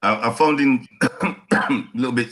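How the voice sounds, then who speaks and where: A man's voice: medium pitch, measured pace, a crowd in the background. A male comedian joining a casual chat as a guest, teasing the host dryly.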